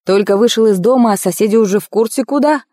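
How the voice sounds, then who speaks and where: A woman narrating first-person fiction as an audiobook reader, with a lively, expressive reading. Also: a little high, fast, no room sound, clean studio sound.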